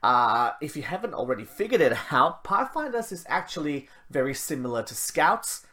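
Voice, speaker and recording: A man's voice: fairly high pitch, very animated, moderate pace, bright, forceful tone. Male pastor, from malaysia, church announcements, chatty asides, livestreamed service. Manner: chatty, self-deprecating asides with light laughs. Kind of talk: church announcements and prayer before a sermon. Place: church service, streamed live.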